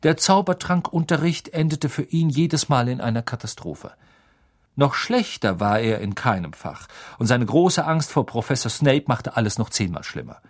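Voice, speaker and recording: A man reading a storybook aloud in a lively, expressive narrator style. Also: medium pitch, moderate pace. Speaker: audiobook narrator.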